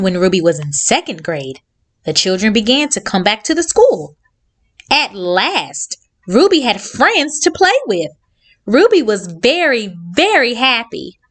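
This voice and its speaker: Speaking in a mid-range voice, this read-along host reads to children and talks directly to them. Her sentences are simple and clearly phrased.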